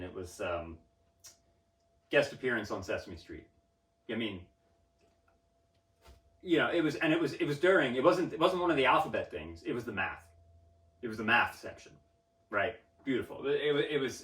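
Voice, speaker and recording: A pompous man boasts and rants with lively swings in pitch, tripping over his restarts. He sounds set back from the mic, and the room around him rings with echo. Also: a little fast, pauses often. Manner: pompous, self-aggrandizing, stammering restarts. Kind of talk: mock-serious interview rant. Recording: roomy sound from a distant mic.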